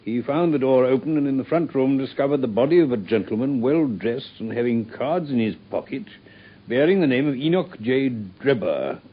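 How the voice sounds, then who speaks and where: A man's voice: mid-range voice, lightly acted. Doctor Watson, a man playing the polite doctor. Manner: courteous, hesitant. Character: polite, earnest male doctor companion. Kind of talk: radio drama acting. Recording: dull old radio broadcast.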